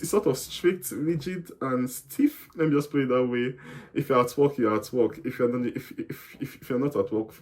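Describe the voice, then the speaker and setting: A young man with a Nigerian accent, speaking as a guest, answers interview questions casually and at length, often repeating words and correcting himself mid-sentence. His voice is mid-range with a darkish tone.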